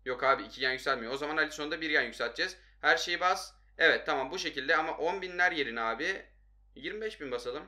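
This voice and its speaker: Bright, excitable young man gaming. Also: fairly high pitch, fast. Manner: excitable, frustrated outbursts at the game. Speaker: gaming YouTuber. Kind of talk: casual gameplay commentary.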